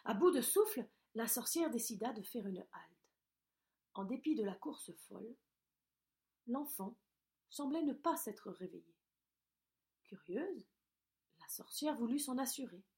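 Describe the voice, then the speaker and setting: A woman reading a children's story aloud in a gentle voice, often dropping to a soft hush. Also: on the high side, expressive, unhurried, long pauses.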